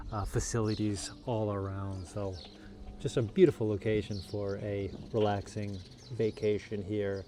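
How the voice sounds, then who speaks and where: A man's voice: on the low side, darkish tone. A man vlogging casually outdoors in the hills, talking enthusiastically like a tour guide with some fillers. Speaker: travel and real estate vlogger. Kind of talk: casual travel vlog narration. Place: outdoors in hilly countryside.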